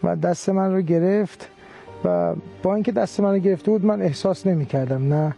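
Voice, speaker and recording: A man recounting a personal experience in an interview, measured and hesitant, with many pauses. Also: high voice, creaky, mellow, faint music behind. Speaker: guest recounting a near-death experience. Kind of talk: interview testimony.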